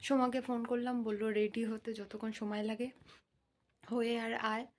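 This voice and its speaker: A woman, a mother, narrating her day in a casual vlog in a soft, low murmur, sometimes cooing baby talk to her daughter. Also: level tone, a little fast. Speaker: vlogger and mother of a baby girl. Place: home, then outdoors on the street. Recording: noisy handheld phone vlog audio. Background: wind and outdoor noise.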